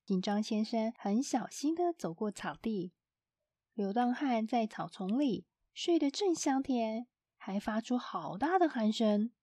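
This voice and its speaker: A woman narrating a children's storybook in a gentle, expressive storytelling manner. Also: on the high side, measured pace, no echo, clean studio sound.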